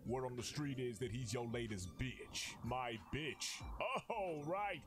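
A man's voice: mid-range voice, expressive, measured pace, background noise, lightly acted. A man voicing a cocky cartoon villain in a comic parody, smug and taunting as he trash-talks. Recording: music under the voice.

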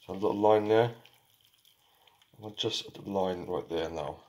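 A man's voice: sits low, measured pace. A young man vlogging a food challenge in a kitchen, chatting casually to his viewers. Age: young adult. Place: small home kitchen. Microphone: handheld camera. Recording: noisy handheld camera recording.

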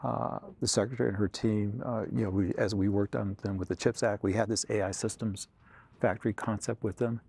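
A man's voice: fairly low pitch, fairly even intonation, a little fast, creaky, a little mellow, slightly rough. A man in his sixties in a studio interview, earnest and rambling, with lots of "you know", on a lapel mic. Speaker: tech executive interviewer. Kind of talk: conversational interview. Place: studio set with armchairs.

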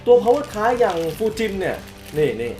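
A young man hosting a casual toy unboxing review. He is excitable, exclaims often and hums little sound effects as he shows the box. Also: high-pitched, unhurried, soft background music. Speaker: toy reviewer, channel host.

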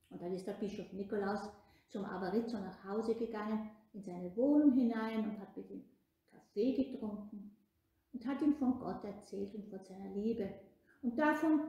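A woman telling a children's story in a lively, expressive way. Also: mid-range voice, moderate pace, highs cut off. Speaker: religion teacher storyteller. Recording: echoey room.

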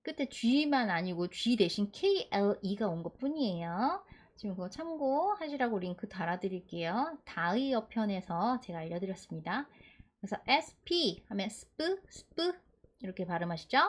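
A woman teaching English words in an online lesson, her pitch rising and falling a great deal as she explains. She is a native Korean speaker who drills each sound patiently and asks listeners to repeat after her. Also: expressive, normal speed.

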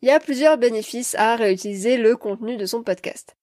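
Woman podcast host, bright higher register, dry close mic, friendly direct address to listeners. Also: brisk, no room sound. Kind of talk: solo podcast talk.

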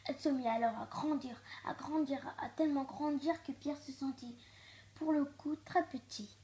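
Expressive woman reading a storybook aloud. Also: high-pitched, moderate pace. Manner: expressive, dropping to hushed tones for suspense. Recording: echoey room.

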